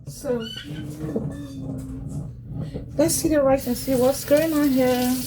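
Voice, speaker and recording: A cooking vlogger from Liberia in West Africa casually demonstrates a dish in her home kitchen, talking straight to her viewers and often repeating herself. Her voice sits high with a steady tone at a normal speed, and there is background noise.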